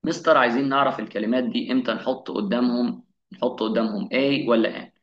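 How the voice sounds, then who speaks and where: This English teacher, a man with an Egyptian Arabic accent and a medium-pitched voice, delivers a classroom-style grammar lesson. He puts questions to his students, supplies the answers himself, and slows to sound out each English example. The echoey room leaves his voice slightly dull and muffled.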